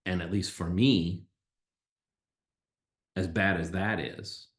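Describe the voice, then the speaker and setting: A man's voice: low voice, fairly even intonation, slow pace. A man hosting a podcast, delivering an opinionated monologue and explaining his points emphatically, step by step. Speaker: podcast host. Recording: roomy, echoey sound.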